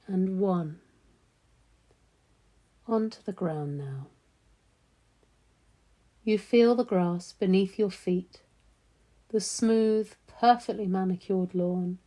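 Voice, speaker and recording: A guided meditation is led by a woman whose mid-range voice stays gentle and soothing; she never hurries and lets long pauses fall between her words.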